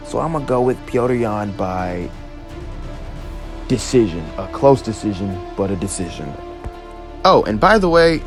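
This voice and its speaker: A man hosting a casual fight-prediction talk, chatty and a bit sarcastic, with a loose, laid-back delivery. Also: fairly low pitch. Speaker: MMA prediction host. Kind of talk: casual commentary.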